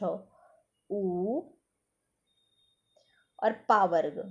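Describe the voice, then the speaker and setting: Woman teacher, exam-prep grammar lesson, slow and mellow, slightly lo-fi. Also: on the high side. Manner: explains patiently, recites rules slowly, asks and answers her own questions.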